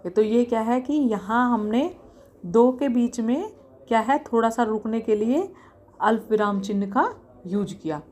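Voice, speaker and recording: A young woman teaching a casual grammar lesson, often repeating examples slowly and asking herself questions as she explains. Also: a little high, a little mellow.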